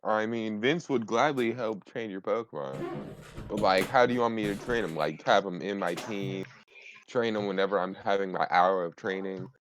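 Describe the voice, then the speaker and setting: A male tabletop player talks in a casual, conversational way. His voice sits fairly low, with faint noise in the recording. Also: moderate pace, low-quality recording. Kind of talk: casual game chat.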